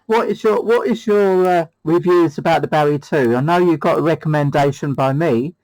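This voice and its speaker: On a rough recording, a British CB radio hobbyist who hosts a channel runs a demo, talking at normal speed in a slightly high, somewhat mellow voice. His chat is casual, hesitant and rambling.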